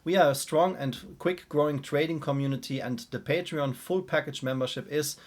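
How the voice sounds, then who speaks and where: A man's voice: a little high, normal speed. A man with a weak, strained voice gives unscripted stock chart commentary, often addressing his viewers directly. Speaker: stock trading YouTuber.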